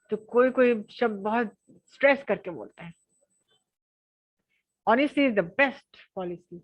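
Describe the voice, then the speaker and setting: A young adult woman giving an online college lecture, lively and often laughing as she acts out examples with her voice. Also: medium pitch, dry recording, lo-fi sound.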